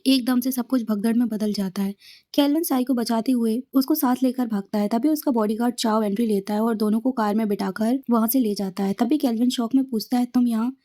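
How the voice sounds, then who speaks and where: A woman's voice: fairly high pitch, fairly quick, mellow. A woman narrating a drama episode recap in a dramatic, suspenseful storytelling manner.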